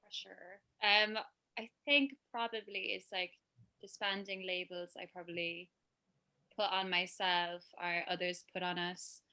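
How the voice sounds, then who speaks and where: An Irish woman speaks as a creative guest on a video-call panel, her voice low, steady, bright and smooth with a forceful edge. She goes along unhurried, chatty and loose, rambling with plenty of fillers.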